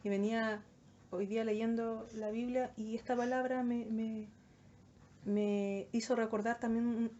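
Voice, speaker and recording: A young woman with a Chilean accent giving an earnest, animated devotional talk to a youth group, acting out the voices she quotes. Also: a little high, a little slow. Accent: Chilean Spanish. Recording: dull lo-fi recording, faint noise.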